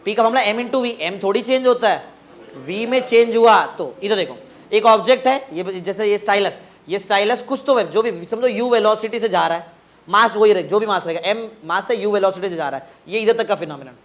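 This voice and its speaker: A man's voice: sits high, moderate pace. A male physics tutor, teaching a live class in a coaching classroom, quizzing students and repeating phrases to drive points home.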